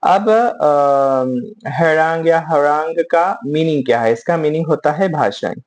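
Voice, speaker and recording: A man's voice: fairly high pitch, a little slow. A man with an Indian English accent teaching vocabulary in a casual, chatty way, with many fillers.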